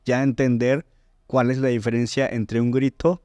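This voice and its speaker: Speaking with a flat delivery at a moderate pace, this man has a mid-range voice with a darkish, smooth tone and no room sound. He is a singer and voice teacher being interviewed on a podcast, explaining technique didactically and frequently checking in with "¿no?" and "¿sí?".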